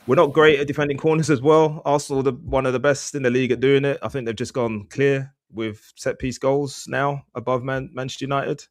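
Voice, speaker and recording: A man's voice: mid-range voice, little pitch movement, a little fast, few pauses, no echo, studio quality. A man hosting a casual football podcast, rambling with restarts and admitting he is slurring his words. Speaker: podcast host.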